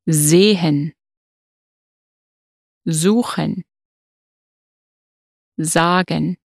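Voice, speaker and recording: A woman as a language teacher reading a pronunciation drill word by word, with slow, precise, deliberate articulation. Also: lowish voice, no room sound, studio quality.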